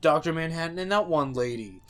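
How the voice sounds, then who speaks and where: A man's voice: fairly high pitch, lively intonation, fairly quick, a bit bright. Teasing man recapping a plot. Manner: teasing, recounts plots at length. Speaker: podcast co-host. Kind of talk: casual chat.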